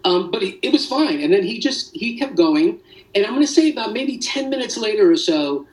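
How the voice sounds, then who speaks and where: A father giving a halting, emotional account in a remote news interview, with many restarts. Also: sits high, big pitch swings, distant mic, poor audio.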